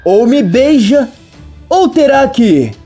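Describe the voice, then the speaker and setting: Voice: sits high, sing-song, slow pace, mellow, soft background music, pitched above the performer's own voice, heavily acted. A narrator reading a smug scheming male boss who mocks and bargains. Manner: mocking, smug.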